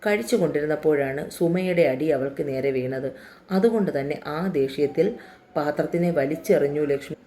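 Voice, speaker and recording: Woman reading a novel aloud, deep soft voice, steady. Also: fairly quick, a little hiss or hum. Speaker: storyteller. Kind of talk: scripted story narration.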